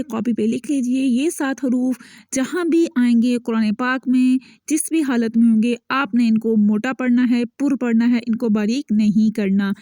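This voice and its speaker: A woman teaching Quran recitation online, explaining sounds and slowly repeating example words for her students. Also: fairly high pitch, mellow, no room sound. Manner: patient, repeats words slowly and drills them. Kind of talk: online lesson, explaining and modeling pronunciation.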